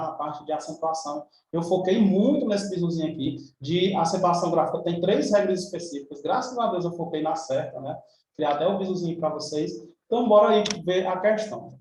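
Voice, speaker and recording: A man's voice: sits high, darkish tone, very echoey, distant mic, a little hiss or hum, rough recording. A man with a Brazilian Portuguese accent teaching an exam review lesson in a chatty, informal way, checking in with his students often. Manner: chatty, informal, frequent tag questions.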